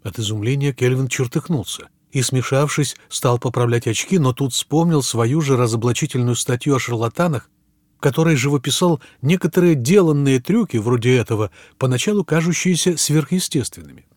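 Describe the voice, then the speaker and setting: A man reading a science fiction audiobook in measured scripted narration, with phrase ends that drop low, on a close studio mic. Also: lively intonation, darkish tone, no room sound.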